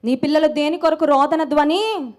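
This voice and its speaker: A woman preacher giving an emphatic sermon, slowing down on key phrases and mixing in English phrases. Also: sits high, a little mellow.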